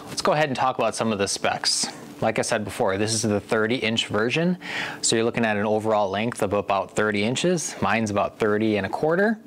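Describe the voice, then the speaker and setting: A man in his thirties from the USA, relaxed and chatty, reviewing home gym equipment to camera and calling his viewers guys. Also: lowish voice, a little hiss or hum. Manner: relaxed and conversational, keeps addressing viewers as guys. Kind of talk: casual product review to camera.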